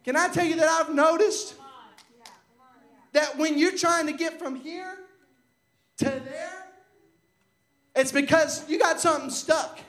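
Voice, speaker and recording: A young man preaching a fervent Pentecostal sermon, shouting at the peaks while losing his voice. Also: extremely high pitch, steady tone, slow pace, pauses often.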